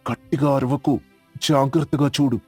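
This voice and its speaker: A man's voice: mid-range voice, steady tone, normal speed, darkish tone, slightly rough, dry recording, faint music behind, close to an everyday voice. A young man playing an earnest, determined village doctor. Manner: firm, earnest.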